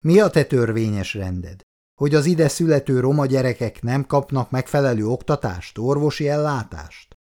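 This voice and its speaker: A man's voice: mid-range voice, expressive, a little mellow, pitched above the performer's own voice, close to an everyday voice. A man reading the part of a cool-headed militia leader who talks to a prisoner in a dry, teasing, lecturing way. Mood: cool mocking.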